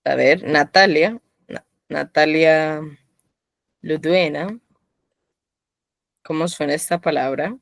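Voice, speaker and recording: Low-pitched lady teacher running an online class, slow and patient, calls on students by name. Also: vocal fry, dry recording. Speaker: Korean teacher.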